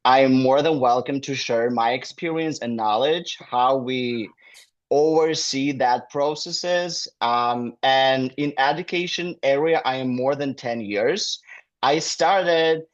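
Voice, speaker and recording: A man with a Ukrainian accent, an admissions manager appearing as a guest, talks casually in an interview on a dull-sounding call. His medium-pitched voice takes things slowly, and his non-native phrasing is full of fillers.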